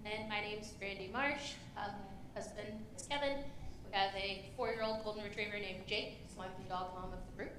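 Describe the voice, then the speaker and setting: A woman's voice: mid-range voice, steady tone, a little fast, noisy background. Woman in her thirties, church panelist, reflective, echoey hall.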